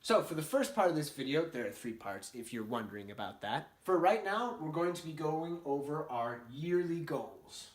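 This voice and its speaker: A man's voice: on the high side, big pitch swings, normal speed, few pauses. A man hosting his own channel, giving a casual, upbeat motivational talk at a whiteboard, chatty and full of jokey asides. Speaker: YouTube host.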